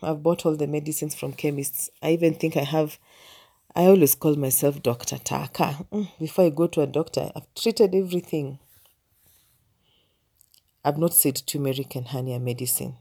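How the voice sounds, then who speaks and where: A Kenyan woman with a Kenyan accent tells a personal story in a low voice. Her tone is mellow and relaxed, and she talks to her viewers in a chatty, humorous way. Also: moderate pace, husky. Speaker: teacher telling a personal story. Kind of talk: casual storytelling vlog.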